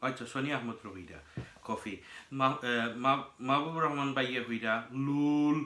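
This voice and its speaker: A man's voice: mid-range voice, racing. A man co-hosting a casual chat show, joking and reading out viewer comments. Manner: lively, jokey, reads out comments. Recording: echoey room.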